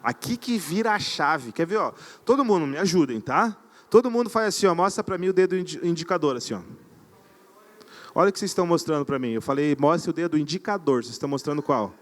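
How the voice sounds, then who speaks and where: A man giving an energetic live seminar talk on stage, often quizzing his audience. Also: on the high side, quick pace. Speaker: conference speaker. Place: event stage before an audience.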